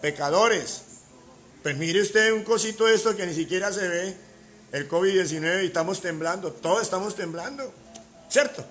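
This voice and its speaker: A man's voice: high-pitched, normal speed, fairly bright tone. A man preaching a sermon as pastor, emphatic, with rhetorical questions and repeated key words.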